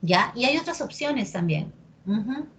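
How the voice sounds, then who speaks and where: Woman, Peruvian accent, teacher, unhurried delivery, patient, repeats key words, checks that listeners follow. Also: a little high, big pitch swings, a bit bright. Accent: Peruvian Spanish. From Peru. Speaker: pre-university Spanish teacher. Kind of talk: classroom lesson on accent marks.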